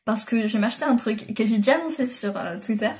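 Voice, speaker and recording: A woman's voice: a little high, fast talker, a little mellow. A young woman chatting casually as a manga vlogger, rambling with lots of fillers and restarts, on a built-in device mic. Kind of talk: casual chat.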